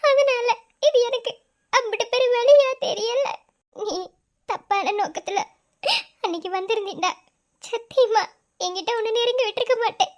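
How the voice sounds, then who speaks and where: Woman doing a young pregnant wife, cartoon, Madurai Tamil accent, tender, consoling, very high voice. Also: moderate pace, long pauses. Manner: soft, consoling, tearful at times. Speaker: cartoon character. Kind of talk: emotional cartoon drama dialogue.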